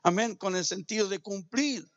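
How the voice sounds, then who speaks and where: A man's voice: sits high, moderate pace, no echo, highs cut off. A man preaching a sermon as pastor, punctuating his points with "amén" and "¿cierto?". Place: church.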